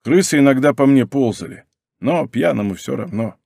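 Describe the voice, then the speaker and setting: A man reading aloud plays a good-natured Czech laborer with missing teeth, whose speech comes out softened and faintly lisping. He talks plainly and earnestly, at an everyday pitch, recorded close and dry with no room sound. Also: expressive, moderate pace, gravelly, husky, no room sound. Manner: softens consonants, slight lisp.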